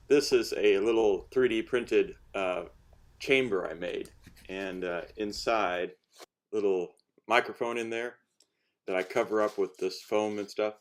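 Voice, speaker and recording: A man with a lowish, creaky voice gives a casual hobbyist how-to on his homemade gear. He rambles, hesitates, and often breaks off to start over.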